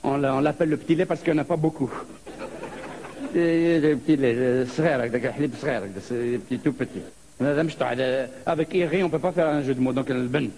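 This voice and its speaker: A high-voiced man from Algeria doing a stand-up routine on stage. He tells his story with lively energy, and faint noise runs behind him. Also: a little fast, creaky. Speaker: stand-up comedian. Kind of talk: stand-up comedy monologue.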